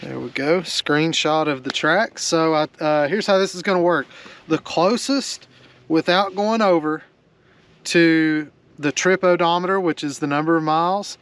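A man in his forties with a fairly high voice hosts his fishing vlog outdoors, sitting in a kayak on a small lake. He talks casually and loosely, with plenty of fillers, into an action camera mounted close in front of him. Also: unhurried. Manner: relaxed, chatty, lots of "uh" fillers. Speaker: fishing channel host.

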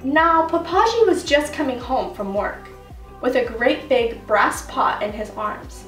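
A woman teacher reads a children's story aloud in a gentle, expressive voice that sits high. Her voice bounces around an echoey room and sounds set back from the mic. Soft music plays faintly underneath. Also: measured pace, distant mic.

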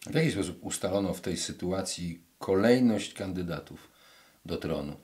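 Low-voiced man asking formal questions. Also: animated, normal speed, darkish tone. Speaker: interviewer. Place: wood-panelled studio room with brick wall.

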